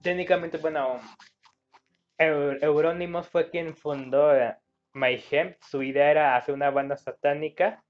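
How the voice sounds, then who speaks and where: A man with a Mexican Spanish accent talks his way through a game at an unhurried pace, drifting into asides and hunting for the right word. His voice sits a little high for a man. The sound is dull and lo-fi, as if caught on a phone. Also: steady tone. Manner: rambling, searches for words, reads game words aloud. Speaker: gameplay commentator. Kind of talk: casual gameplay commentary.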